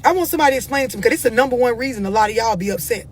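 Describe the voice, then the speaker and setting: An American woman hosting a live stream for her followers gives blunt, unscripted relationship advice, confrontational and emphatic as she presses her questions insistently. Her voice is a little high and animated, and she talks very fast over slight background noise.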